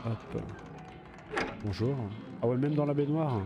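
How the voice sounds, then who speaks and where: Loud music plays behind a muffled recording of a man with a mid-range voice and a measured pace. Nursing a slight cold, the let's play gamer offers casual commentary to himself during a video game.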